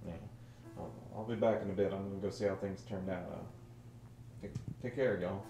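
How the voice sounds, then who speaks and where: A man playing his character in a tabletop game, speaking in a halting drawl. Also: deep voice, steady tone, reverberant, background noise. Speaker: player. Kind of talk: in-character tabletop role-play.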